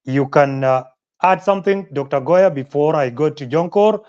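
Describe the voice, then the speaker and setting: A polite male host guides a panel interview, pausing on fillers as he frames his questions. His voice sits a little high for a man. The sound is dull and muffled, like a call recording. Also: a little mellow, clear, resonant tone. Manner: polite, hesitant with many fillers.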